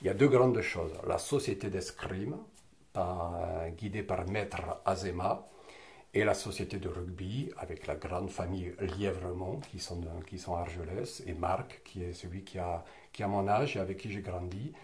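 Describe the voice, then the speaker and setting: Man, 50s, from French Catalonia, low voice, reminiscing interviewee who pauses and hesitates often. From French Catalonia, southern France. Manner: lively storyteller, laughs often, frequent hesitations. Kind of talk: personal reminiscing in conversation.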